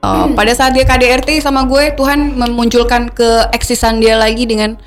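Animated woman, faint music. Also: a little high, normal speed. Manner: animated, breaks into laughter, mixes in English words. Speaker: podcast guest. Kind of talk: candid conversational storytelling.

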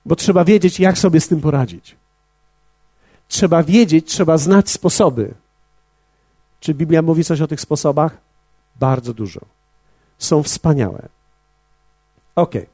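A man preaching a sermon as pastor, measured and speaking directly to his congregation. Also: a little high, mellow, slightly rough, no echo.

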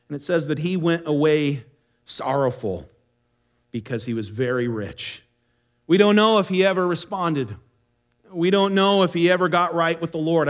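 A man teaching a midweek Bible study in an earnest way, repeating phrases for emphasis. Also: a little high.

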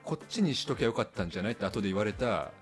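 A man's voice: lowish voice, expressive, rapid-fire, faint music behind. A man co-hosting a casual podcast chat, agreeing often with fillers and laughing easily. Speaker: podcast co-host. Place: rental room, recorded in person.

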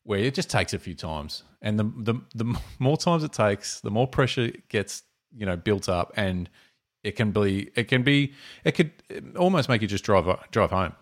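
A man with an Australian accent in casual conversation as a co-host, colloquial and thinking out loud as he goes. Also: fairly low pitch, expressive, normal speed. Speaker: podcast co-host. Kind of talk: casual chat.

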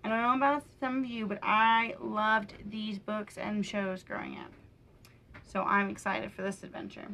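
A young woman reading a children's picture book aloud for her podcast, gentle and lightly animated, with small lifts in her voice for the characters. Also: medium pitch, moderate pace, vocal fry, slight background noise, poor audio. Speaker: podcast storyteller.

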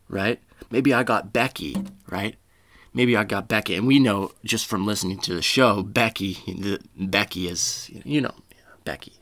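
A man's voice: fairly low pitch, vocal fry, a bit bright, no echo. A man hosting a podcast, telling a rambling, profane, self-deprecating story in casual talk. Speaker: podcast host. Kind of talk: casual comedic monologue.

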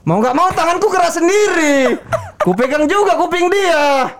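High, lively young man telling stories. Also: moderate pace, a loud crowd. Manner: animated, acts out quotes, laughs often. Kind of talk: casual storytelling chat.

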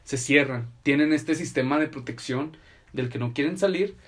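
A man's voice: on the high side, moderate pace, husky. A young man with a Mexican accent chatting casually as a podcast co-host, explaining things in slangy, profane language. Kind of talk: casual chat.

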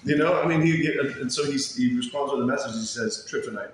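Guy being interviewed, talks fast and rambly, casual slang, small room w/ loads of echo. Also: medium pitch. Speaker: interview guest, bar and band member. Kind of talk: casual chat. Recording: very echoey small room, faint noise.

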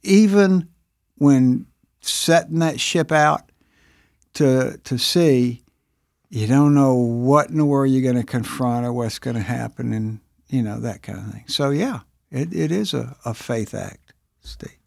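A man co-hosting a casual faith podcast discussion, rambling and animated, acting out voices as he retells stories. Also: medium pitch, a little slow, vocal fry, no room sound, clean studio sound. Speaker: podcast co-host.

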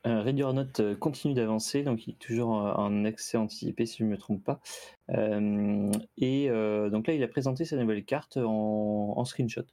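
A man's voice: on the low side, moderate pace, mellow, no echo. A man co-hosting a casual gaming news chat, speaking hesitantly with many fillers. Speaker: co-host.

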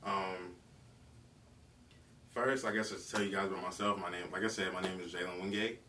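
A man in his twenties from South Carolina, hosting his own podcast in a relaxed, rambling way, with lots of fillers and casual slang. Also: sits low, a little fast. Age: 20s. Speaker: podcast host. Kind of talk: casual solo podcast talk. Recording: distant mic with faint background noise.

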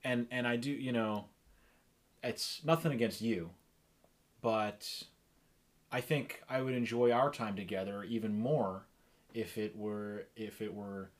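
A man co-hosting a comedy podcast, giggling often and trailing off into halting restarts as he riffs with his partner. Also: fairly low pitch, fairly even intonation. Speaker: podcast co-host. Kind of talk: improvised comedy banter.

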